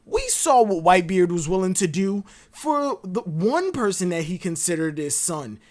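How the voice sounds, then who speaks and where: A guest on a livestreamed talk show, chatting casually about anime theories in an animated way and wandering off on side tangents. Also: mid-range voice, normal speed. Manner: rambling and animated, full of digressions. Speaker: podcast guest.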